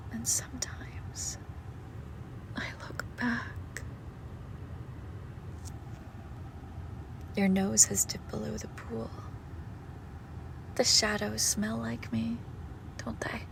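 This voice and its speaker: In an intimate horror audio roleplay, a woman plays a possessive young shadow monster posing as a doting girlfriend, her tone tender yet menacing and often slipping toward a whisper. Her voice is mid-range and gravelly, with background noise present.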